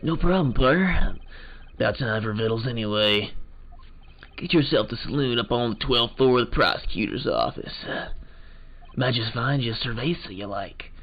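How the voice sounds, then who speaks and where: A man's voice: medium pitch, moderate pace, muffled recording, natural voice. A man doing a drawling cowboy detective. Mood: laid-back. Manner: folksy Western drawl.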